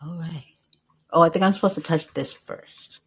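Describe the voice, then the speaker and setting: A man's voice: fairly high pitch, fairly even intonation, moderate pace, fairly bright tone, husky, poor audio. A young man hosting a live call-in podcast, talking loosely and rambling, with a lot of filler words and some swearing. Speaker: host.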